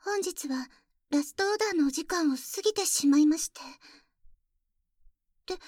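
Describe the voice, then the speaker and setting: High, dry-voiced young maid, formal then sly, whispering at the ear, played by a woman. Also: moderate pace, no echo. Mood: polite. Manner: soft ear-close whispering; very formal, deferential speech with teasing jabs. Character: polite, jealous young maid who calls herself boku. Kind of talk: ASMR roleplay audio drama.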